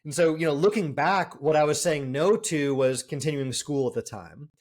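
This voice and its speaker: A man in his forties from the Boston area, a guest entrepreneur telling his story quickly with many fillers. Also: on the high side, a little mellow. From Boston area, US East Coast. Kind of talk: casual interview.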